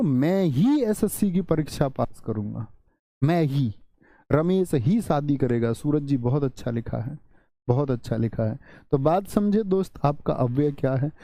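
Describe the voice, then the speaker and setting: A man teaches a live online Hindi grammar lesson in a very dark, mellow voice. He says his example sentences slowly, stressing and repeating them, and keeps putting questions to the students. The sound is dry and close to the mic. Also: on the high side, dry recording. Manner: asks the viewers questions and answers them himself. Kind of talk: live online exam-prep class.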